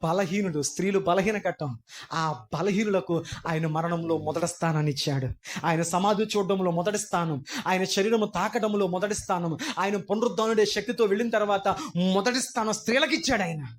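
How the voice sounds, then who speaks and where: A male pastor delivers a sermon with a notably high voice. He quizzes his listeners and climbs into fervent, near-shouted declarations. The delivery is emphatic throughout. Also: a little fast, a little hiss or hum. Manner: questions the congregation, rising to impassioned shouts. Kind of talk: Easter sermon. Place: church hall.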